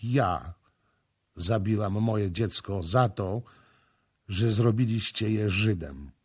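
A man's voice: lowish voice, takes it slowly, darkish tone, breathy edge, no room sound, studio quality. A man reading a storybook, voicing a grieving, frenzied young mother in an anguished, wailing way. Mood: frantic.

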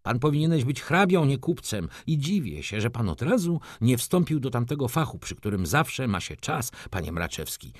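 A man's voice: medium pitch, big pitch swings, normal speed, few pauses, no echo, voice pushed up. A man playing an irritable old shop manager. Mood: scolding. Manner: exasperated, scolding. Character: older male shop manager, irritable and stern.

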